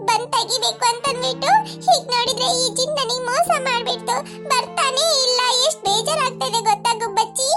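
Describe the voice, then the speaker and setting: A woman's voice: very high voice, brisk. A woman voicing a small, tender-hearted cartoon youngster who pleads and chants spells to call a jinn. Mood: sad. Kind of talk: cartoon voice acting. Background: children's music.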